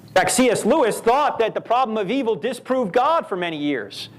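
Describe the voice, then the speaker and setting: A man delivering a live university lecture, his voice pitched high for a man and swinging widely up and down. He drives each point with rhetorical questions and quick stories, always pressing the audience to follow his logic. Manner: animated, rhetorical questions and storytelling. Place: university event hall.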